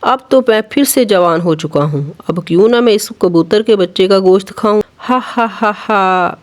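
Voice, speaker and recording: A storyteller voicing an arrogant, greedy male heron who boasts and gloats in a children's animated story. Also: medium pitch, normal speed, natural voice. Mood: gloating.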